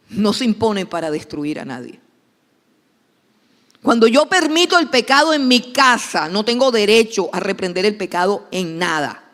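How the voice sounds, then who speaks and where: A woman's voice: medium pitch, a bit bright, big-room sound. A woman pastor, preaching a sermon emphatically and repeating key phrases for stress.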